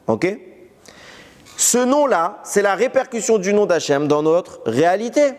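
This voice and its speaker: A man, a rabbi, giving a recorded Torah lesson. He teaches in a lively way, posing questions and answering them himself. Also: high-pitched, moderate pace, in a large hall.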